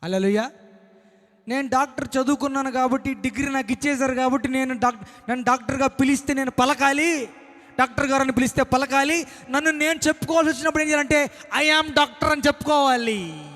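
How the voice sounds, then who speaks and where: A man preaching a sermon as pastor, dramatic, switching between mocking whispers and loud shouts. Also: extremely high pitch, fairly quick. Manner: dramatic, mimics timid believers in whispers, then shouts. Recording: long hall reverb.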